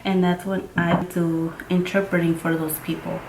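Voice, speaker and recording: Here a woman of twenty-five, native in Mixtec and employed as a court interpreter, talks through a makeup tutorial at normal speed with a flat delivery and a voice on the low side. It's chatty and rambling, packed with "like" and "freaking," and the room sounds roomy with faint ambient noise.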